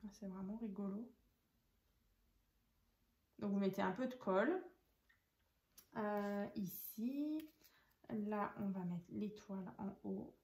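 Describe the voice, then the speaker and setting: A woman's voice: mid-range voice, slow pace, pauses often, a little mellow. A woman hosting a casual craft tutorial, chatting and thinking aloud as she works and counts out pieces. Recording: echoey room.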